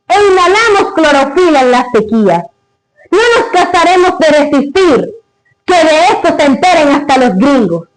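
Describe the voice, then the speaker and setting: A woman's voice: high voice, low-quality recording. A woman reciting poetry in a grand declamatory style, solemn and emphatic, giving weight to each line of verse.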